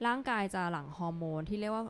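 A young adult woman who is a doctor, co-hosting a casual health podcast and explaining things in a measured way with frequent affirming fillers. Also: medium pitch, clear, resonant tone.

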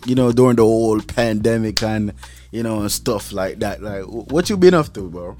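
A man's voice: lowish voice, moderate pace, a little mellow, a little hiss or hum. Stammering, slangy male podcast host. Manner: stammering repetition of words, slangy. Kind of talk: casual interview chat.

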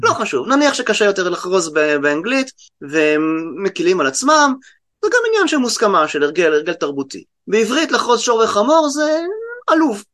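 A man with an Israeli accent explaining things conversationally as an interview guest, halting and often restarting mid-word. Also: high voice, very animated, fairly bright tone. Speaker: guest translator and poet.

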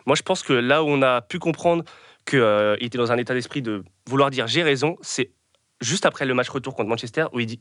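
Tactical male panelist, quick delivery, dry close sound. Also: medium pitch, fairly bright tone, dry recording. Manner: analytical, building on others' points. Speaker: football show panelist. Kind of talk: casual football debate.

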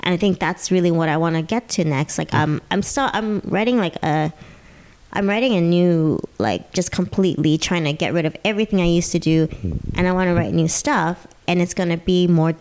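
A woman's voice: on the low side, a little fast, a little mellow. A woman with a Valley Girl accent talking as a podcast guest, in casual confessional chat full of "like" and "you know". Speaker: podcast guest, stand-up comedian.

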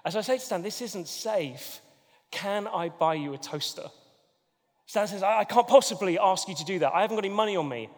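Male pastor, earnest storyteller, slightly high voice, long reverb of a church hall. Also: fast talker. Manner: storytelling, earnest, builds to emphatic points. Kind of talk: sermon.

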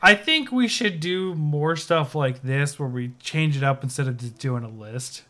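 A man's voice: fairly high pitch, normal speed, pushed and bright. A man co-hosting a casual podcast, rambling with lots of fillers and restarts. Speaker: podcast co-host. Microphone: video call setup, sharing his screen.

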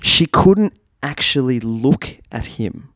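A man's voice: mid-range voice, lively intonation, takes it slowly, fairly bright tone, no room sound, studio quality. A man, co-hosting a podcast in casual, sarcastic chat with mocking impressions. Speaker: podcast co-host. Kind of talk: casual chat recapping a reality show.

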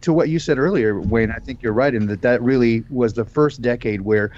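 A man's voice: medium pitch, brisk, a little mellow, lo-fi sound. A man in his fifties co-hosting a casual live-stream talk, hesitant, with many fillers and restarts. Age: 50s. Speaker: podcast co-host.

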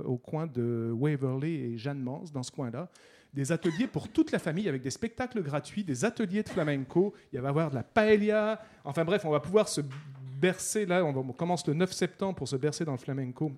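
A talkative man, his voice sitting a little higher than most men's. He stumbles and restarts often, like someone chatting freely in a radio studio. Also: a little mellow. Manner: halting, many restarts, chatty. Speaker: festival guest columnist. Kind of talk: casual radio chat.

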